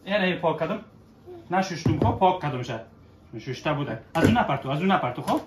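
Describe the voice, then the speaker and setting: A man, gently coaching his child through baking at home, checking in with short questions. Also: on the high side, expressive, noisy background. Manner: patient, coaxing, keeps checking with short questions. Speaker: father cooking with his child. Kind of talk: casual instructional chat with a child. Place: home kitchen. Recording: echoey kitchen room.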